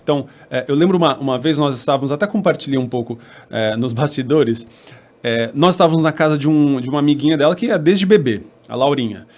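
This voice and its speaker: A man with a Brazilian Portuguese accent, hosting a church podcast and telling a family story in an animated way, acting out the dialogue. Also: on the high side, fast.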